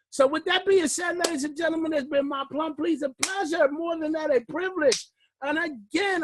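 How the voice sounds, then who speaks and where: A man leading a class on a recorded call, delivering it like a fiery preacher, shouting one moment and murmuring the next, and out of breath. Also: very high-pitched, slight background noise. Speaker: class leader. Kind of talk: motivational teaching call.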